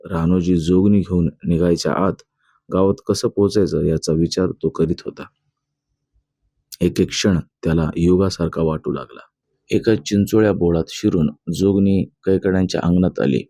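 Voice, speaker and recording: A man's voice: low-pitched, steady tone, normal speed, dark tone, dry recording, clean studio sound. A man reading a novel aloud as a narrator, telling the story steadily and voicing the characters' lines himself. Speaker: audiobook narrator.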